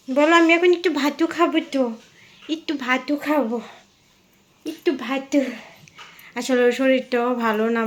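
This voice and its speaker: Chatty young woman narrating a home vlog. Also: a little high. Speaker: vlogger, mother. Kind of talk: casual vlog narration and voice-over.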